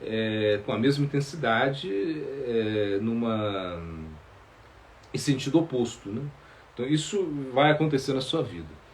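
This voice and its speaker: A male spiritual teacher, answering questions in a halting sermon full of fillers and repeated words. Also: mid-range voice, lively intonation, a little hiss or hum.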